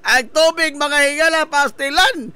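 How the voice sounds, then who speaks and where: High, lively radio host. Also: male voice, normal speed, no room sound. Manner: jokey, laughs often at his own quips; asks listeners rhetorical questions. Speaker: radio talk show host. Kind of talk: local radio commentary.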